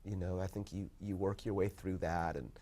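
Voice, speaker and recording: Soft-spoken modest man in his fifties. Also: deep voice, steady tone, moderate pace. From born in Korea, raised in California. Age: 50s. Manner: thoughtful, modest, hesitant with ums and restarts. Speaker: poet and college professor, guest. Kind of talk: casual interview chat.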